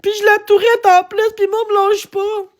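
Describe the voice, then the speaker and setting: A woman's voice: extremely high pitch, flat delivery, moderate pace. A woman with a Québécois French accent talking on a live stream, agitated and rambling, swearing often as she complains. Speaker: livestreamer. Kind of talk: casual live-stream rant.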